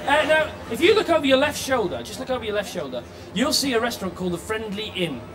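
Excitable shouting male TV host. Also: very high voice, quick pace, noisy background. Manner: excitable, bossy, often shouting. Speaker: TV game show host. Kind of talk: live studio entertainment hosting. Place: TV studio with audience. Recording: loud crowd and music behind.

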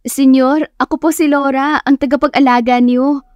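A woman voicing a gentle, polite young female caregiver in an audio story. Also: high voice, normal speed, dry recording, faint music behind, pitched above the performer's own voice, close to an everyday voice. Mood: polite concern.

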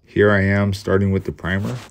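Creaky and low-pitched, the man's delivery is completely flat and a little fast. In this casual voice-over he describes building a boat himself, matter-of-factly, while being somewhat self-deprecating about his mistakes.

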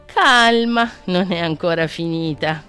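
A woman's voice: medium pitch, animated, measured pace, faint music behind, natural voice. A woman voicing a hungry, sly fox in a children's storybook reading, with a grumbling manner.

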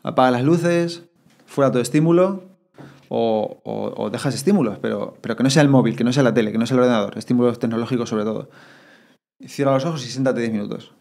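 This podcast guest, whose accent comes from Spain, talks fast and with animation, acting out his inner thoughts in quotes during a casual conversation. He has a gravelly, mid-range voice.

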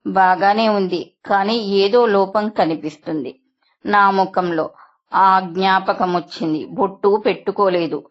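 A woman narrating a first-person story in a steady, measured reading voice. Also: medium pitch. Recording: dull lo-fi recording.

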